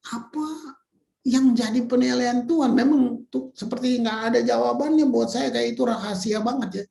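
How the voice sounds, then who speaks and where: A man's voice: very high voice, creaky, darkish tone. A male pastor preaching an informal sermon, talking conversationally, exclaiming and repeating words as he searches for them. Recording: roomy hall echo.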